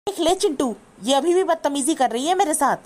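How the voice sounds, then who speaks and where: Cartoon mother-in-law, bossy and scolding, high-pitched, voiced by a woman. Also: expressive, brisk, a little mellow. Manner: scolding, complaining. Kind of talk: cartoon voice acting.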